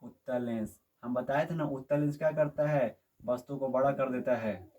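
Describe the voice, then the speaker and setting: A man's voice: mid-range voice, normal speed, dark tone, muffled recording. Distant male teacher quizzing his class. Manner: quizzes students with repeated questions and checks understanding. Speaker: physics teacher. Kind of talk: classroom lecture.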